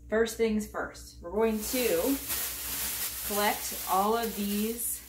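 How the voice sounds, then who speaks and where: A woman in her thirties gives a casual, upbeat demonstration of home organizing, chatting as she moves around an indoor entryway with a hardwood floor and handles bags. Her voice is medium-pitched and slow. A distant camera mic picks her up off-mic in an echoey room, with a little hiss or hum.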